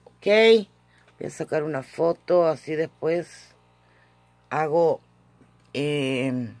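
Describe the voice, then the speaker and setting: A woman teaching a casual language lesson at home, patiently repeating each example with frequent "eh" pauses. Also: deep voice, steady tone, mellow, dry recording.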